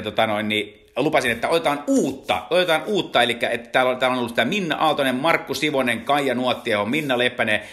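Bright-voiced impressionist hosting a stream. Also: male voice, medium pitch. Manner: chatty, full of fillers and restarts. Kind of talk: casual live-stream hosting.

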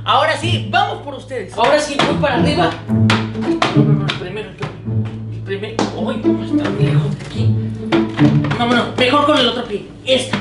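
A man's voice: extremely high pitch, sing-song, moderate pace. A man playing a silly, greedy, childlike clown in a children's slapstick sketch, whiny and full of exclamations. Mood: eager, scheming. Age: young adult. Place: tiled living room and kitchen at home. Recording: roomy, loud music over voice.

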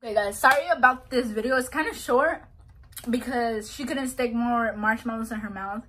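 Young woman, slightly high voice, casual vlog chat, faint background noise. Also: moderate pace, fairly bright tone. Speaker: channel co-host. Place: small bedroom, indoors.

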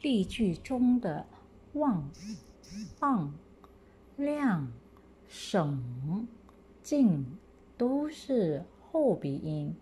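A woman teacher from Malaysia, reading example words slowly and clearly for pupils to repeat. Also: medium pitch, sing-song, dark tone. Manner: slow, drawn-out model reading for pupils to repeat. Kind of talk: slow classroom pinyin lesson.

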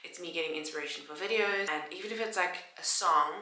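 A woman's voice: on the low side, fast talker, bright, forceful tone. A young South African woman chatting casually to her phone camera in a vlog, playful and laughing at herself, sometimes dropping to a near-whisper. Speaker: vlogger. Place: room at home, indoors. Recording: echoey room.

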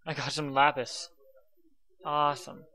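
A man's voice: fairly high pitch, little pitch movement, unhurried, pushed and bright. A man giving casual gameplay commentary, exasperated, muttering to himself and sighing often. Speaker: let's play commentator.

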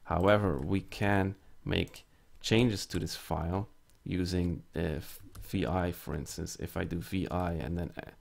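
Low gravelly man explaining a tech demo. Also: steady tone, unhurried, hardly any pauses. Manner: casual step-by-step explaining with fillers. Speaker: network tutorial presenter. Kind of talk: screen-recorded tech tutorial.

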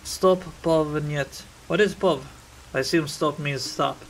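Gravelly man chatting over a game. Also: fairly high pitch, slow, slight background noise. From Israel. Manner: chatty, rambling, thinks aloud. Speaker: streamer. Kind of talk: casual gameplay commentary.

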